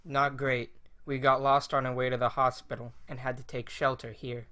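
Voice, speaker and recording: A man's voice: mid-range voice, flat delivery, normal speed, pushed and bright, close to an everyday voice. A man voicing a guarded, terse young man protecting his pregnant girlfriend. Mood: weary. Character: wary young man, protective boyfriend, blunt.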